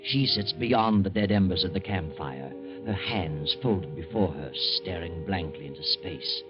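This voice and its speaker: An actor playing a mysterious, mocking narrator of crime tales in a theatrical 1940s radio mystery style. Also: male voice, sits low. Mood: ominous. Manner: sinister, theatrical, slow and taunting. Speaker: narrator and host. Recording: muffled 1940s radio recording, music behind.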